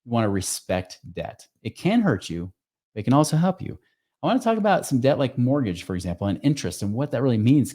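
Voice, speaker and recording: A man giving a casual, energetic money-coaching talk, emphatic and full of rhetorical questions. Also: medium pitch. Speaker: financial coach. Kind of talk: casual teaching talk to camera.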